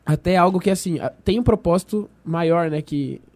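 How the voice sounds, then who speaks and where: A man tells a personal faith story in a relaxed conversation. His voice sits a bit high but sounds soft and mellow. He speaks earnestly, slips into the voices of the people in his story and restarts his sentences often. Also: normal speed. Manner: earnest storyteller, reenacts dialogue, frequent restarts. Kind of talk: casual faith testimony in conversation.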